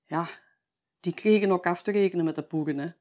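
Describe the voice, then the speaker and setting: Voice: medium pitch, a little fast, darkish tone. Chatty Flemish storyteller. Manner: chatty, tags sentences with "hè". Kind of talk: folksy oral storytelling.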